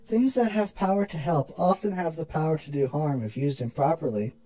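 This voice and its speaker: A performer voicing a proud, teasing elder pony princess and protective sister in an expressive fan fiction dramatic reading. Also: mid-range voice, brisk, slightly rough, lightly acted, rough recording. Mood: reassuring. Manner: expressive, indulgent explaining.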